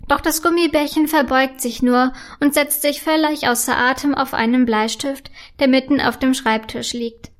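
Female storyteller, high pitch, gentle clear bedtime-story reading. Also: steady tone, normal speed, few pauses. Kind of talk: scripted children's story narration.

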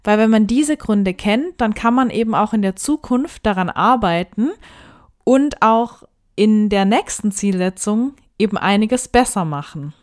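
Woman, bodybuilder, casual advice monologue, reflective, talks directly to listeners, mid-pitched, smooth and resonant. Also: expressive, measured pace, darkish tone.

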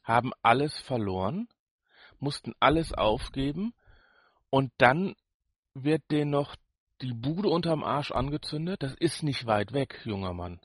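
A German-accented man co-hosts a podcast, chatting casually in a blunt, colloquial and opinionated way and often repeating himself. His mid-range voice is lively in intonation, unhurried, a bit bright and breathy, with no echo.

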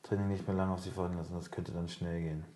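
A man co-hosting a casual football podcast, relaxed, swearing casually and getting excitable when he tells a story. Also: low voice, fast talker. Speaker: podcast co-host. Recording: echoey room with faint noise.

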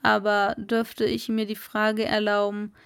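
A woman's voice: monotone, measured pace, gravelly, smooth. A woman doing a meek, polite fisherman. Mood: wary. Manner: soft, lowered, deferential.

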